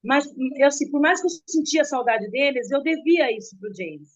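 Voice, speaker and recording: A middle-aged woman telling a painful personal story in an interview, slow and earnest, often stopping and repeating words. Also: high voice, expressive. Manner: halting, with restarts and repeated words. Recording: dull, muffled recording.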